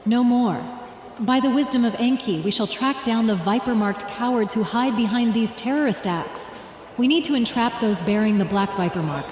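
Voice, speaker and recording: Speaking in a fairly high, darkish, natural voice, a woman portrays a devout priestly leader rallying her followers in an audio drama. Through first-person narration, speeches and prayer, she sounds fervent and resolute, her oratory solemn, declamatory and deliberate. Reverb from an echoey hall and background ambient noise fill the recording.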